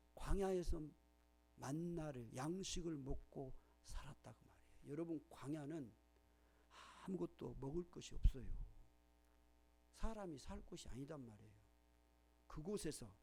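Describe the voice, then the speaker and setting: A man's voice: on the high side, creaky, warm tone. A male pastor with a Jeolla Korean accent, preaching a sermon, explaining as he goes, posing questions to the congregation and reading scripture aloud in a raised voice.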